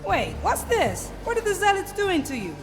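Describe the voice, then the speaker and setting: A woman's voice: extremely high pitch, wildly swooping pitch, moderate pace, heavily acted. A woman voicing a brash, scrappy, cheeky plant witch in a video game, blurting her lines informally and expressively. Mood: alarmed, insistent. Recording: music playing behind the voice.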